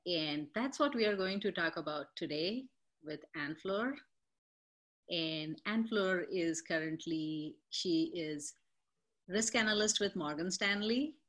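A woman's voice: fairly low pitch, slow pace, a bit bright. A woman hosting an interview podcast, chatting in a conversational way and often saying "you know". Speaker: host.

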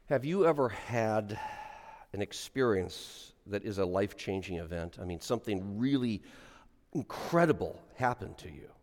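A middle-aged or older man, a clergyman reading scripture and preaching in a measured, emphatic way, with deliberate pauses. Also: lowish voice, animated, a little mellow. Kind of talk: liturgical reading and sermon. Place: large church, speaking to a congregation. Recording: long echoing reverb of a large church.

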